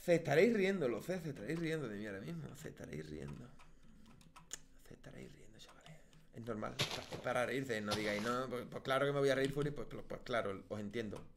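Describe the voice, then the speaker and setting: A man's voice: quick pace, few pauses, slight background noise. A man from Spain giving casual Let's Play commentary, chatting to himself and his viewers and yelping when things go wrong. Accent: Spanish from Spain. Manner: chatty, talks to himself and viewers, bursts into high yelps at deaths. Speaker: gaming YouTuber.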